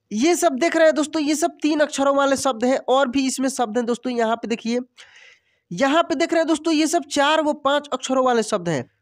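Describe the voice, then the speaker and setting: A man's voice: extremely high pitch, dry recording, clean studio sound. A man teaching a reading lesson to viewers, reading words out one at a time and often calling them friends.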